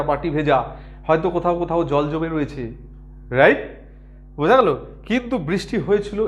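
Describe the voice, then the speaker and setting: A man's voice: on the high side, a little hiss or hum. A man teaching grammar, patient and repetitive, often checking whether his students follow. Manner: patient, repeats words and asks if students understand. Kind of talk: explanatory lesson.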